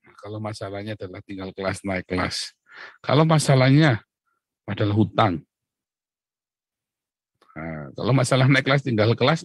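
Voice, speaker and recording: A man preaching a conversational devotional sermon, often asking his listeners questions, clearing his throat and chuckling. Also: on the low side, no room sound.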